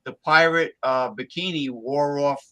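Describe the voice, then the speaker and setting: Male, moderately high pitch, casual conversational style, dry sound. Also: unhurried, pushed and bright, clear, resonant tone, no echo. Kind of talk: casual chat.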